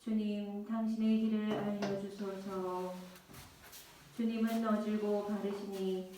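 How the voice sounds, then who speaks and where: A woman leading a Mass as lector in a steady, formal way, heard with heavy church echo. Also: mid-range voice, slow. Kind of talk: liturgical reading. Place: large church. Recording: echoey church from far off, noisy.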